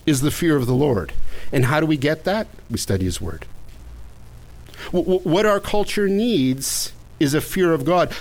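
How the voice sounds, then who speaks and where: A man's voice: on the high side, rough recording. A man preaching a sermon as pastor, earnest, often stumbling and repeating the first words of his sentences.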